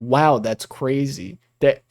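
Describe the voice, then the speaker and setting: This young streamer talks slowly in a slightly mellow, medium-pitched voice while reacting to what he reads on screen. He rambles and curses, with many fillers and sudden laughs.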